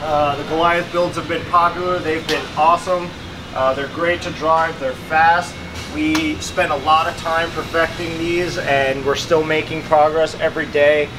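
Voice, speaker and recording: A man's voice: fairly high pitch, steady tone, measured pace. A man in his thirties giving an upbeat, plain-spoken walkthrough of a car workshop. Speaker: shop manager giving a tour. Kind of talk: casual walkthrough vlog. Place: large indoor vehicle workshop. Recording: workshop noise behind.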